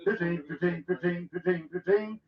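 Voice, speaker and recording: High-pitched man chanting as an auctioneer. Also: fairly even intonation, recorded from a distance. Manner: auctioneer's chant, rapid repeated numbers. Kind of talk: live auction calling. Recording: echoey, dull lo-fi room sound.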